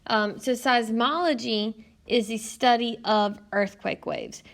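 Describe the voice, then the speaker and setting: A woman teacher narrating a recorded lesson in a patient, explanatory way, often pausing with "um". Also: fairly high pitch. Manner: patient, explanatory, frequent "um" fillers. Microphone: tablet screencast mic.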